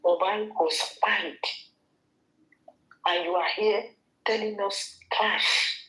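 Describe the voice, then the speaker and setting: A woman's voice: mid-range voice, steady tone, slow, pushed and bright, rough recording. Scolding woman with a Nigerian accent. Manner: scolding, addresses her target directly. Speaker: gossip commentator. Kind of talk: opinion commentary vlog.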